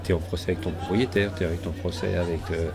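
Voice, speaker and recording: His voice low, creaky and level, a middle-aged man from southwest France talks fast as an interview guest. The speech is rambling and hesitant with plenty of fillers and restarts, and a crowd makes noise all around.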